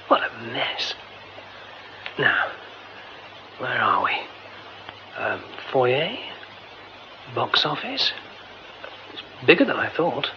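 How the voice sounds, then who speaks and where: A man's voice: mid-range voice, heavily acted. An actor playing a nervy young theatre man, muttering to himself and stammering when flustered, in a radio drama. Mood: musing. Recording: dull lo-fi radio recording with hiss.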